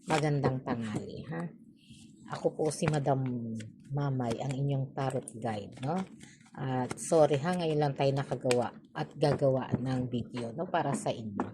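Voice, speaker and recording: A woman's voice: a bass voice, moderate pace, background noise. A woman with a Filipino accent giving a casual tarot reading, chatty, with frequent tag questions and sarcastic asides. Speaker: tarot reader.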